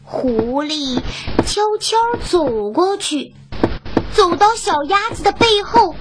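High-voiced woman telling a children's story. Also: noisy background. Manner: slow, expressive, sing-song.

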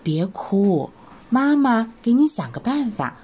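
A woman voicing a gentle, caring mother rabbit who speaks in a soothing, motherly way. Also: a little high, very animated, takes it slowly, breathy edge, exaggerated voice.

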